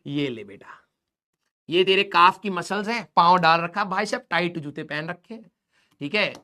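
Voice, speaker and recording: A man's voice: high-pitched, normal speed, pushed and bright. A male physics teacher giving a joking classroom lecture, roasting his students as he draws. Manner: teasing, roasting students while drawing.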